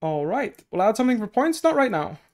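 A young man whose native language is Dutch coaches on a casual stream from his desk in a small room, wearing a headset. He answers chat and walks through things step by step, saying "okay" a lot. His voice sits high, and he's very animated and fast.

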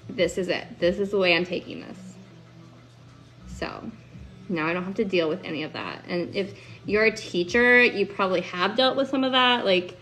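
A woman's voice: mid-range voice, fairly bright tone. A woman chatting casually on a live stream while cooking at home, upbeat and full of "like" and "um". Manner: chatty, upbeat, lots of fillers like "like" and "um". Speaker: food content creator.

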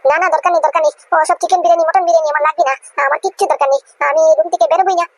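A woman's voice: extremely high pitch, steady tone, no echo, poor audio. A woman voicing a sulky, greedy cartoon wife. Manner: rapid, chattering, complaining. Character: sulking stubborn wife, greedy for biryani. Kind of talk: cartoon comedy voice acting.

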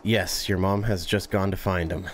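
In a low-pitched voice with fairly even intonation and normal speed, a young gameplay streamer bluntly reads dispatcher dialogue aloud and reacts to it. There is slight background noise.

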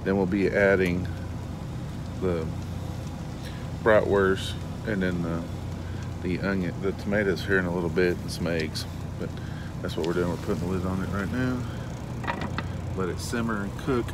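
A man's voice: sits low, measured pace, pauses often. A man in his forties, a truck driver, chatting casually with many fillers as he cooks in his truck cab, filmed on a close handheld phone. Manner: relaxed, rambling, with many fillers. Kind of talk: casual cooking vlog. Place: inside a semi-truck cab. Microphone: handheld phone camera close up. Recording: loud vehicle noise behind.

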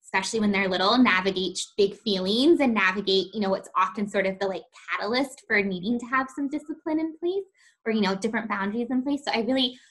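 A woman's voice: mid-range voice, quick pace. A woman hosting an interview, affirming her guest, with many ums and sort-ofs. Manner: warmly affirming, lots of "um" and "sort of". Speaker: host. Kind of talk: interview conversation.

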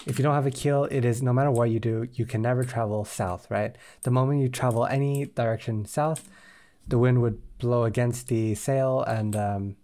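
A man's voice: medium pitch, warm tone. A young man walking through his game prototype in a devlog, talking hesitantly with frequent ums and restarts. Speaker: indie game developer. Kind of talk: screen-recorded devlog walkthrough.

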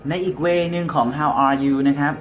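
A man's voice: a little high, fairly even intonation, normal speed. A man with a Thai accent, a native Thai speaker, giving a casual English lesson and acting out example greetings. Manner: switches between English and Thai, acts out example phrases. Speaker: English teacher.

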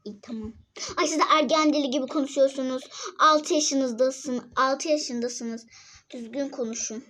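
Girl doing a naggy doll-game mom, high voice, tired of chores. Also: moderate pace, a bit bright. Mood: scolding. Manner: scolding, fussing. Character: busy bossy young mother of twins. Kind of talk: doll-game role-play.

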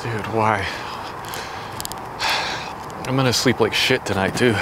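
A young adult challenge vlogger with a lowish voice and fairly even intonation speaks slowly, casually bantering and swearing about his mouth burning from spicy food. He's outdoors on a backyard wooden deck, picked up by a camera a few steps away in a noisy recording with some traffic ambience.

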